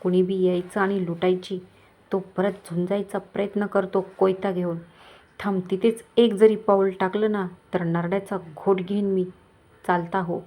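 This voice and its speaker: A woman's voice: medium pitch, little pitch movement, moderate pace, warm tone, lightly acted. A woman voicing a poor, proud young village wife who pleads but stays firm and defiant.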